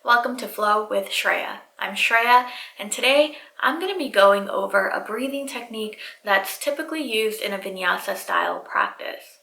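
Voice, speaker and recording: A woman's voice: medium pitch, moderate pace, creaky, hardly any pauses, bright, forceful tone, echoey room. A woman yoga instructor giving step-by-step guided breathing cues straight to the viewer. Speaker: yoga instructor, channel host.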